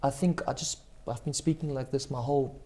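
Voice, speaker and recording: A man's voice: mid-range voice, steady tone, brisk, mellow. Man with a slight stutter and lisp. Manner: self-mocking, jokey, laughs often. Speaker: guest magician. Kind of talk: casual interview chat.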